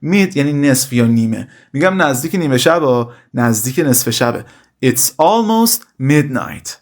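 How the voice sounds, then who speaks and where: A man teaching a language lesson, speaking at a middle pitch. He says each example phrase slowly and carefully, then rattles off a quick, casual explanation, calling his students "kids". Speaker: English teacher.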